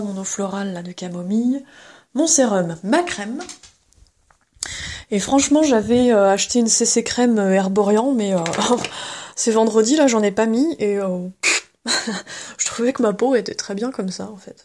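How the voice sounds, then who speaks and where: A woman's voice: fairly high pitch, slight background noise. A woman hosting an unscripted podcast, talking casually with many fillers and small laughs while walking around her home. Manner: chatty, hesitant, many fillers and soft laughs. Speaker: podcast host.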